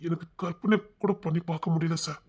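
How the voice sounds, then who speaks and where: A man voicing a grieving, heartbroken man who speaks quietly and haltingly in an audio drama. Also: on the high side, fairly even intonation, breathy edge. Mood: sorrowful. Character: grieving middle-aged man, soft and heartbroken.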